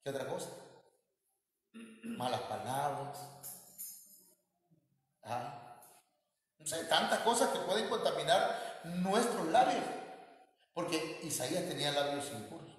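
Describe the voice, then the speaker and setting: Preacher in an echoing church. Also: male voice, on the high side, big pitch swings, takes it slowly, long pauses. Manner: emphatic, rising on key words, stretching words out. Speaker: pastor. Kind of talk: sermon. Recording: echoey church hall.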